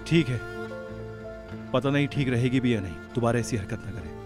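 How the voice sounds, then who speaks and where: एक अभिनेता एक गुस्सैल, ज़िद्दी जवान पति का किरदार निभाता है, ऊँची और तेज़ बहस करता हुआ।. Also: male voice, medium pitch, moderate pace, over music, lightly acted. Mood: subdued. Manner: shouting, forceful, argumentative. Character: hot-tempered young husband, proud and stubborn. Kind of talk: television drama acting.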